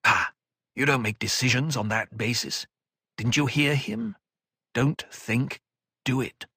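A man voicing a calm, cutting older woman mentor in an audiobook, speaking in a measured, dry way. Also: mid-range voice, vocal fry, breathy edge, no echo, full character voice. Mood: cool.

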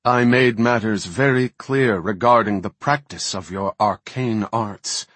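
A man voicing a stern, ancient male elf archdruid who speaks in a grave, reproachful, measured way, with a husky voice. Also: on the low side, expressive, no echo.

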